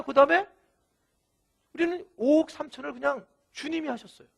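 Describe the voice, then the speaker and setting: A male pastor delivering a sermon in an animated, storytelling way, acting out quoted lines, with a thin, light voice. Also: very high-pitched.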